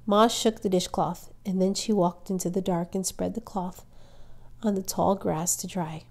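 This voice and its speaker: A woman reading a children's novel aloud as a storyteller, with measured, expressive narration. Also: lowish voice.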